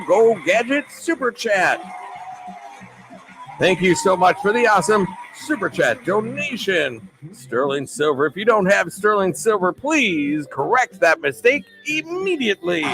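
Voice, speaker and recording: Upbeat high-voiced man hosting a livestream. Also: background noise. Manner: upbeat, chatty, laughs often, thanks viewers effusively. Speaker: livestream host. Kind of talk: casual live-stream chat, reading comments.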